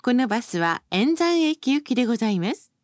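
Recorded bus announcements come from a woman with a fairly high, lively and melodic voice. She talks a little fast, staying formal and polite while enunciating every phrase carefully. The close, dry sound has no echo and very little room around it.

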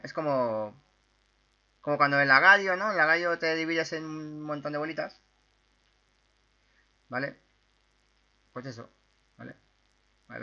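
A young man from Spain with a Spanish accent, chatting his way through a video game with excitable outbursts and repeated words. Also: fairly high pitch. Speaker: gaming YouTuber. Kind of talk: casual gameplay commentary.

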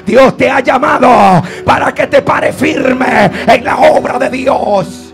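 A preacher delivers a fervent Pentecostal sermon slowly, in a very high, strained voice with a gravelly edge. He exhorts insistently and repeats his phrases. Faint music plays behind him.

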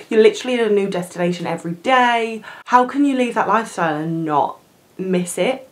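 A young woman, a cruise ship crew vlogger, chatting casually and animatedly to camera in a plain room, laughing often. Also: medium pitch. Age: young adult.

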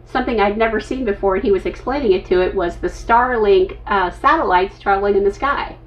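A woman in her fifties co-hosting a casual RV travel vlog from inside the camper, bubbly and prone to excited squeals. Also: mid-range voice, a little fast. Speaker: RV vlog co-host. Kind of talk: casual chat. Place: inside an RV, seated at table. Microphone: camera a few feet away. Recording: slightly distant, dull sound.

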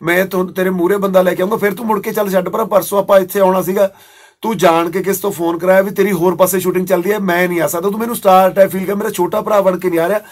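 A quick-talking man with a fairly high voice runs a prank phone call on a radio show. He scolds and accuses, talks over the other person and repeats himself to keep pushing. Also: fairly even intonation.

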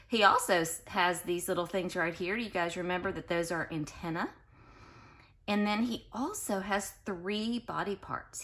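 A woman reads a picture book to small children the way a teacher would, with expression and careful diction, stopping for explanations and questions. Her voice sits in the mid-range.

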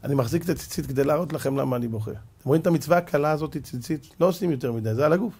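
A man voicing a dying old sage who gently and solemnly teaches his students. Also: fairly high pitch, gravelly, husky. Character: dying old male sage, grave and tender.

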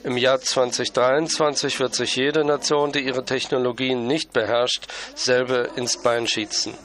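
A man interpreting a conference talk live, halting often with fillers and restarts. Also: medium pitch, little pitch movement, a bit bright.

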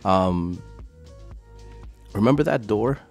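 Male producer, lowish voice, teasing, prompting, music clearly behind. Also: lively intonation, slow, darkish tone. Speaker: podcast producer. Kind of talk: casual podcast chat.

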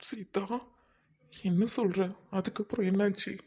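Woman acting devoted lovelorn man, soft, earnest, consoling, flat delivery, dark tone. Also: medium pitch, measured pace, breathy edge. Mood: tender. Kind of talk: amateur drama acting.

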